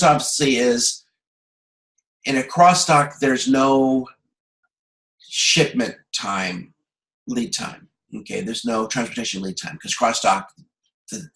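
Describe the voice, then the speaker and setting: A university instructor gives an online lecture over a video conference call, working through problems step by step. He speaks haltingly and often checks that he's being understood. His voice is medium in pitch with a fairly bright tone, and the recording is rough.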